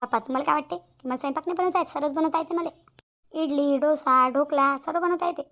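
A woman voicing cartoon characters in a fast, chatty, complaining way. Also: high voice, a bit bright. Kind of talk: Marathi cartoon voice acting.

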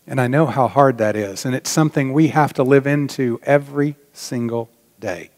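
A man's voice: medium pitch, moderate pace, a little mellow. A middle-aged man preaching a sermon from a church pulpit, earnest and reflective, dropping to a near-whisper on key points. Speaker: pastor. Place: large church sanctuary. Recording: long reverb of a church hall.

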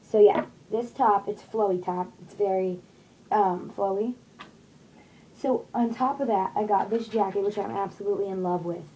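A young woman chats through a shopping haul, rambling along with plenty of fillers. Her voice is mellow and soft-edged. It is caught on a desktop webcam in a small bedroom, with a faint hiss of room noise behind her. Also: medium pitch, fairly even intonation, moderate pace, rough recording. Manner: chatty, rambling, lots of fillers. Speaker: vlogger showing a shopping haul. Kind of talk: casual haul video. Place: small bedroom with posters, indoors. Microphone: webcam on desk at close range.

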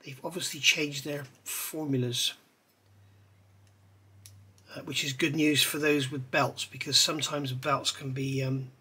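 Speaking at a measured pace with long pauses, a middle-aged man's medium-pitched, breathy voice guides a scale model build. The overhead camera catches his indoor hobby workbench as he works with his hands and rambles casually.

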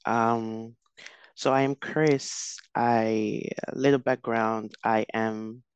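Speaking slowly with little pitch movement, this young Nigerian man has a smooth, medium-pitched voice and no echo. He's a guest researcher being interviewed on a video call via headset, thinking aloud with frequent fillers and restarts.

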